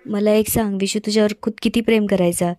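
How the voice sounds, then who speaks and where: A woman voicing a scheming young female villain from a TV serial, read in her own plain, even voice. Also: mid-range voice, fast, no room sound, natural voice. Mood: frightened.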